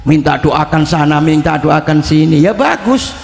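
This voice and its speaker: A man's voice: a little high, moderate pace, vocal fry, a little mellow. A man preaching a sermon in a folksy, dramatic way, often calling his listeners "Pak". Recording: echoey hall with long reverb.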